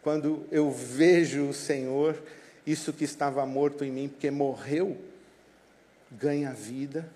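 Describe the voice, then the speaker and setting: A man's voice: mid-range voice, fairly even intonation, a little slow. A male pastor preaching a passionate sermon and leading the congregation in prayer. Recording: echoey hall with loud guitar music behind. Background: guitar music.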